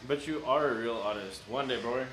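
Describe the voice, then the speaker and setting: A man's voice: mid-range voice, a little fast, background noise. A man in casual chat, teasing his friend in loose, profane banter. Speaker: tattoo apprentice and podcast host. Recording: echoey room with music behind.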